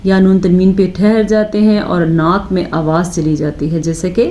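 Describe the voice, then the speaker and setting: A woman teaching Quran recitation, who explains step by step, points out common mistakes and recites phrases slowly with long held sounds. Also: on the low side, flat delivery, mellow, slight background noise. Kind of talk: slow step-by-step recitation lesson.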